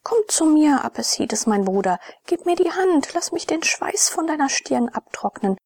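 A woman voicing a gentle, warm-hearted young woman in an audiobook, speaking in a tender, pleading manner. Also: high voice, big pitch swings, normal speed, no room sound, voice pushed up.

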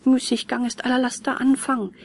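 A woman voicing a gentle, wise, motherly fairy in a storybook reading, slow and softly whispered. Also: high voice, flat delivery, creaky, slight background noise. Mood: admonishing. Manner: slow, soft, often whispered.

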